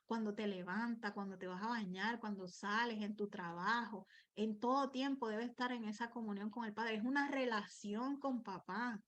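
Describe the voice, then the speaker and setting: A woman preaches in a personal, chatty way, full of little asides to her listeners. Her voice sits a bit high for a woman. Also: normal speed, few pauses, fairly bright tone. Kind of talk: sermon.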